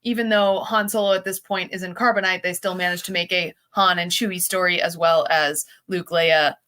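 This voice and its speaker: A woman's voice: lowish voice, fairly even intonation, fairly quick, pushed and bright. A woman co-hosting a casual fan live stream, chatty and upbeat, often exclaiming and chiming in.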